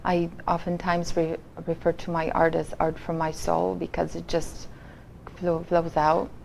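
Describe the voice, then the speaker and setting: A woman from Poland, a painter and nurse, talking softly and haltingly in a casual interview. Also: lowish voice, completely flat delivery, vocal fry, a little hiss or hum, low-quality recording. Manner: soft-spoken, halting, with fillers and restarts.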